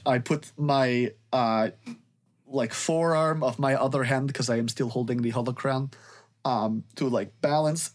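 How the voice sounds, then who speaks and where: Guy playing a tabletop game, halting, lots of restarts, middle pitch. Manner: hesitant, halting, many restarts. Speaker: player.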